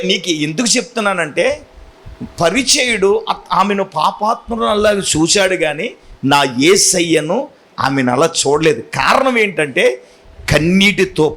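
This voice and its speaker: A pastor preaching a sermon in church, animated and teasing, calling on the congregation to answer aloud. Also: male voice, sits high.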